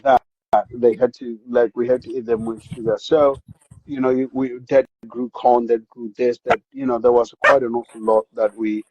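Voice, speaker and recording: The poor, dry recording carries a mid-range, slightly rough voice at normal speed from a man from South Africa with a South African accent. He's a podcast guest chatting casually about his upbringing, animated and prone to repeating words and restarting.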